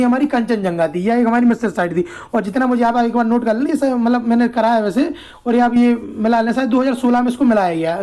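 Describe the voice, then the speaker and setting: A man's voice: very high voice, dark tone. A man teaching an exam-prep lesson in a casual, explanatory way. He repeats himself, asks his own questions, answers them, and keeps checking in with "theek hai.".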